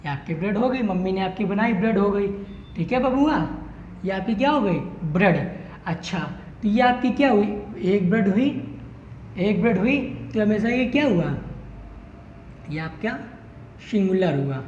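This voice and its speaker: A man's voice: high-pitched, lively intonation, moderate pace, pauses often, darkish tone. Man teaching English in a roomy classroom. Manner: repeats questions and answers to drill the class. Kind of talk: online classroom lecture. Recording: roomy echo, dull lo-fi sound, faint hiss.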